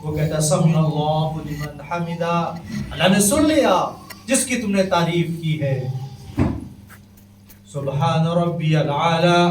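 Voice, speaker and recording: A man preaching an impassioned sermon, chanting Arabic verses slowly between plain exhortation. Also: sits high. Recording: echoey, distant, faint hiss.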